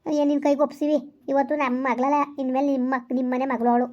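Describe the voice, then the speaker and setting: A woman playing an elderly village woman with a rural Karnataka accent who sends off the bride in a comedy skit, giving fast, bossy advice and scolding. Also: high-pitched, flat delivery, a little mellow, lightly acted. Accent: rural Karnataka Kannada. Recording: dull lo-fi recording.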